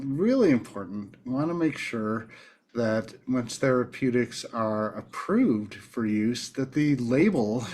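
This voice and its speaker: A man hosts a panel podcast from a video call. His voice sits at an ordinary middle pitch, and he talks haltingly, with many fillers and restarts as he goes. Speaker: podcast host.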